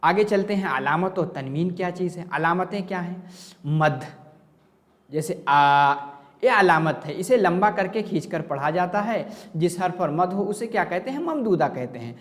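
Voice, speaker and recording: A man's voice: high voice, animated, in a large hall. A male teacher giving a grammar lesson, asking questions and answering them himself, repeating the key points. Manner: slow and repetitive explaining.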